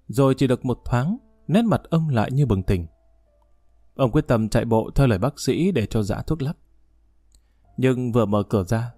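Calm male audiobook narrator, dark tone. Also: medium pitch, dry recording. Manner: calm, even storytelling.

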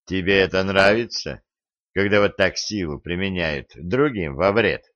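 A man voicing a patient, seasoned monster hunter in an audiobook, calm and restrained with a sarcastic edge. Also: low voice, a little slow, dry recording. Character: patient seasoned adult male monster hunter, dry wit. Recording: dull lo-fi recording.

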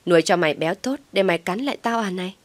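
A woman's voice: fairly low pitch, animated, rapid-fire, no echo, natural voice. A woman voicing a furious, jealous young wife who screams and curses. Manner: screaming, cursing. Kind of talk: storybook narration with acted voices.

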